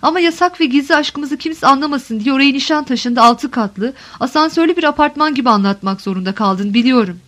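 Woman reading as a lovesick middle-aged wife, pleading, tender, high voice, audiobook. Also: a little fast, hardly any pauses, a bit bright. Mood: insistent.

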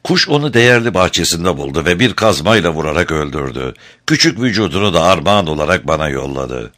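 A soft-spoken, lovesick young woman from a storybook, whispering her words as if near tears, as a deep-voiced man puts her on. The voice stays low, with a bright edge and a lively lilt. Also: brisk. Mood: tender.

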